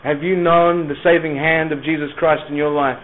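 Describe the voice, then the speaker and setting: Delivering an evangelistic sermon to young people, this man speaks in a highish voice with little pitch movement, leaning on rhetorical questions, pauses and emphatic repetition. Raised in Scotland until he moved to New Zealand as a schoolboy, he has a softened Scottish accent with a hint of Kiwi. The audio is narrow, lo-fi and phone-like.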